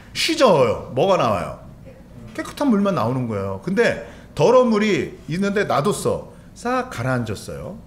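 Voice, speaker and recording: A man pastor giving a sermon in a church, talking conversationally and putting questions to the congregation. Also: fairly high pitch. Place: church sanctuary. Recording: echoey church with faint room noise.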